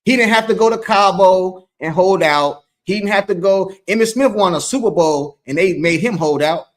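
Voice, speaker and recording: High-voiced man hosting a sports chat. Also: moderate pace. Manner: loose, rambling, repeats himself. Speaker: host.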